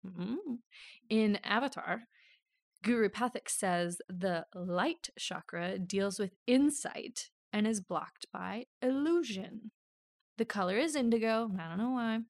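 A woman's voice: medium pitch, slow, dry recording. A woman co-hosting a casual podcast, reading out notes with joking asides and bursts of giggles. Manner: giggly, self-mocking, reads lists with asides. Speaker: podcast co-host.

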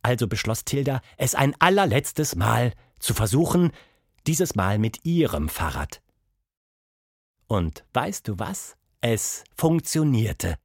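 Expressive storybook narrator man. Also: dry recording, studio quality. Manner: expressive, voices characters with pitch jumps.

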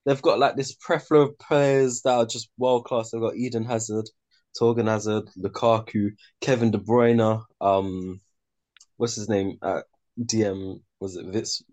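A man's voice: fairly low pitch, steady tone, a little slow, darkish tone. A young man with a London roadman accent in casual football banter as a podcast co-host, chipping in with short slangy remarks. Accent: London, urban slang.

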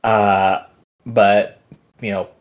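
A man narrating as game master of a tabletop game, relaxed and rambling with fillers. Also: lowish voice, drawn-out words.

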